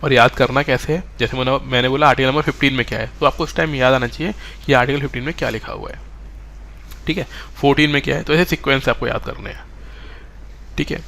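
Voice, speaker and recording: A man's voice: medium pitch, fairly even intonation, fast talker, creaky, a bit bright. A man teaching a live online exam-prep class, mixing English terms into Hindi and often checking that students follow.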